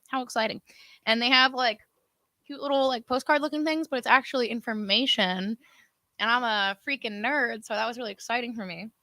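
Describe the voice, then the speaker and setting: A woman co-hosting a casual livestream, her voice sitting a touch high with a bright, ringing edge. She chats in a giggly, rambling way, leaning on "like" fillers. The sound is dry and close, with no room echo. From West Virginia and South Florida. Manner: chatty, giggly, full of "like" fillers. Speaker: co-host of a livestream. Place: indoor room with cameras and lights.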